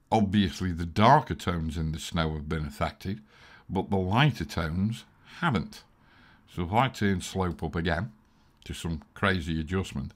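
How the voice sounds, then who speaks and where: Slow, low-voiced man teaching software. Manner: chatty, self-deprecating, explains step by step. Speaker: photo editing tutor. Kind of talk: screen-recorded software tutorial.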